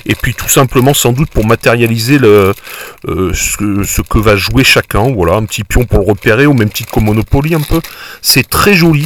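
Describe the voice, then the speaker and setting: A man's voice: medium pitch, a little hiss or hum. A man casually narrating a board game unboxing, hesitant and self-correcting, full of fillers and admiring remarks.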